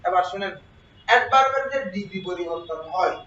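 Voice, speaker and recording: A man's voice: high voice, lively intonation, a little fast, pushed and bright. A man teaching a grammar lesson to a class, asking questions and answering them himself. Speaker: exam prep teacher. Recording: roomy, distant, dull lo-fi sound with faint noise.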